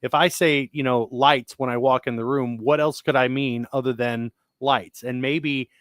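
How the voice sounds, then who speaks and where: Male podcast co-host, casual rambler, even mid voice, dry studio sound. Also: mid-range voice, normal speed, no echo. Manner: rambling, restarts often, enthusiastic about sci-fi tech. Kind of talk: casual chat.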